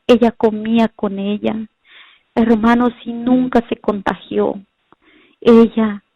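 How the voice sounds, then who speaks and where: A woman's voice: mid-range voice, darkish tone, no room sound. A middle-aged woman giving an earnest, prayerful religious testimony and often calling her listeners brothers and sisters. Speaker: mother giving a faith testimony. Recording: dull lo-fi recording.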